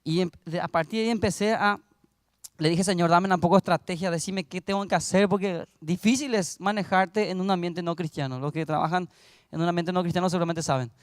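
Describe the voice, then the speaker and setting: High-voiced preacher, dry sound. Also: male voice, steady tone, brisk, dry recording. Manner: storytelling, builds to loud exhortation. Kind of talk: sermon.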